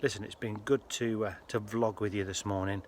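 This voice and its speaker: A British man speaking casually to viewers in a personal health vlog, with an earnest, halting delivery. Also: fairly low pitch, steady tone, darkish tone. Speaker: health vlogger. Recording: faint ambient background noise.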